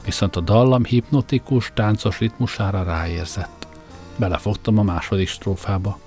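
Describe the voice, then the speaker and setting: Guy reading a funny audiobook, low voice, dry wry tone, faint music behind. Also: steady tone, darkish tone. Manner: wry, comic first-person storytelling. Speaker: narrator. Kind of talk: audiobook narration.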